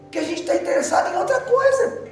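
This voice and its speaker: High-voiced preaching man in echoey hall. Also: quick pace. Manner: animated storytelling preaching, shouting emphasis, laughs. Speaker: deacon preacher. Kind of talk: sermon. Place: church. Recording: echoey hall from far off with music.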